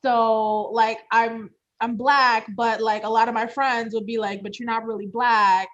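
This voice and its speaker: A woman's voice: on the high side, little pitch movement, unhurried, fairly bright tone, dull audio. A woman raised in a Malawian American household, talking reflectively in a casual podcast chat. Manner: reflective, uses fillers like "you know". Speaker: podcast co-host.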